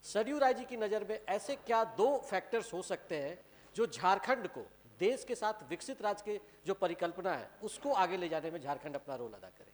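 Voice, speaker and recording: A man's voice: high voice, expressive, normal speed. A man hosting a studio TV interview, polite and formal, often echoing his guest's words. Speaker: TV interview host.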